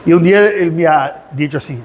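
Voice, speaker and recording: High-voiced man teaching a church class. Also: a little fast, a little hiss or hum. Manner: animated, asking the class rhetorical questions. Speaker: Sunday school teacher.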